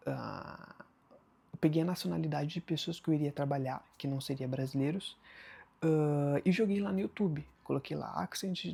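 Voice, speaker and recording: A Brazilian man with a Brazilian Portuguese accent talks straight to camera in a casual vlog. His voice is heavily gravelly, dark and husky. He rambles loosely and leans hard on fillers. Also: a little high. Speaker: vlogger. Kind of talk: casual talking-head advice.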